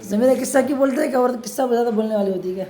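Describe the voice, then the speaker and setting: Against a noisy background, a man with an extremely high-pitched voice teaches a religious studies lesson focused on scripture grammar. He habitually asks his students questions before answering them himself, reads the Arabic slowly, and adds offhand teasing comments.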